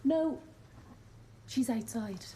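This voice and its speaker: An actress playing a calm young girlfriend who speaks softly and reassuringly. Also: on the high side, very slow, slight background noise. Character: young woman, new girlfriend, calm and composed.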